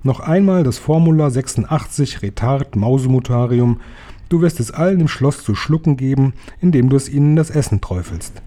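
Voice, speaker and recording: A man voicing a spirited, excitable old grandmother who speaks with emphatic exclamations. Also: mid-range voice, brisk, pitched above the performer's own voice, natural voice. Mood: triumphant.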